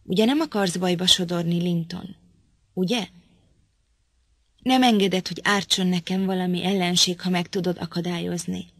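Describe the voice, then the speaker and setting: A woman's voice: on the low side, fairly even intonation, dry recording, clean studio sound. A woman reading an audiobook, voicing a proud, impatient young woman who talks sharply and scolds. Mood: coaxing.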